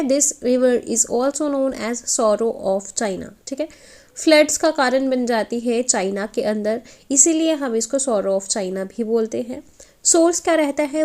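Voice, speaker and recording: A woman with a high, bright voice gives an exam-prep geography lecture. She walks through a map and keeps asking questions, then answers them herself. She checks in with her listeners again and again. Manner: question-and-answer teaching, frequent check-ins. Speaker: teacher.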